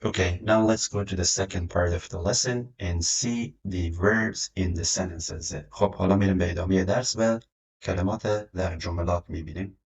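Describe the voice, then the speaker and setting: A man teaching English vocabulary, saying each word twice and then giving its meaning. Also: sits low. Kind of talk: vocabulary lesson, slow repetition.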